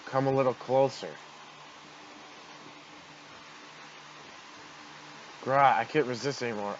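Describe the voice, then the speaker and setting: A man voicing a gloating, hungry swamp monster in a game, with slow, theatrical villain menace. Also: medium pitch, close to an everyday voice. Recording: dull noisy home microphone.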